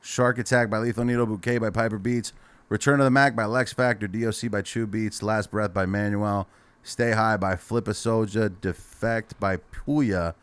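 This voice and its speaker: A man hosting a casual comedy podcast, brisk and swearing freely. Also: lowish voice, steady tone, clear, resonant tone, no echo. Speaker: podcast host.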